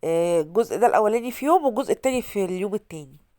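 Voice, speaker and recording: A woman's voice: mid-range voice, animated, very fast, warm tone, dry recording, studio quality. A woman from Alexandria with an Egyptian Arabic accent, hosting a casual cooking vlog while congested from a cold, chatty and repeating herself to viewers. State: stuffy nose from a cold. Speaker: cooking channel host.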